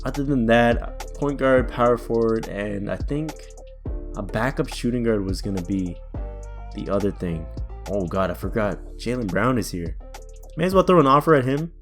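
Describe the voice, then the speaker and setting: A man's voice: mid-range voice, animated, moderate pace. A young man casually commentating a basketball video game, chatty and thinking aloud, with faint music behind him. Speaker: gaming YouTuber.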